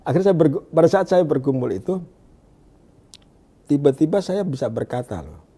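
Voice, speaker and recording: Hesitant man with a mellow voice. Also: sing-song, husky. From Indonesia. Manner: searching for words, halting restarts; drops to a hushed low voice when quoting. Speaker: guest giving a testimony. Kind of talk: conversational interview.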